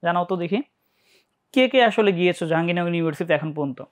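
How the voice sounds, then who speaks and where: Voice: mid-range voice, lively intonation, fast. A teacher with a Bangladeshi Bengali accent giving a live online English lesson for university admission tests, often checking in and asking students questions. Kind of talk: live online class lecture.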